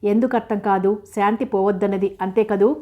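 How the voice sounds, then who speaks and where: A woman's voice: mid-range voice, steady tone, brisk, phone-quality sound, lightly acted. A woman voicing a feverish, jealous young woman who speaks reproachfully. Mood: bitter. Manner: reproachful, accusing.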